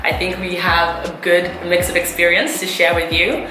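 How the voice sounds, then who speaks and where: A young woman hosts a casual chat, friendly and asking her guests questions. Her voice is a bit low, the room is echoey, and music runs under it. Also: monotone, moderate pace. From England. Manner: friendly, leads the talk with questions. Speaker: vlog host.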